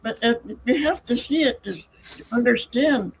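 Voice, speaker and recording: A woman hosts a relaxed interview, speaking in an effusive, chatty way. A faint ambient hum runs underneath. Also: on the high side, normal speed, creaky, low-quality recording. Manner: warm, effusive, laughs along with guests. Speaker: talk show host. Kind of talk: casual interview chat.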